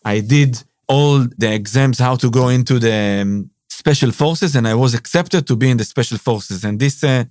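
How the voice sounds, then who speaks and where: Speaking at a normal speed with few pauses, this podcast host and business owner has an Israeli accent and a darkish, mid-range voice. His casual monologue leans on "uh" and "basically" with non-native phrasing, and the studio sound is clean with no echo.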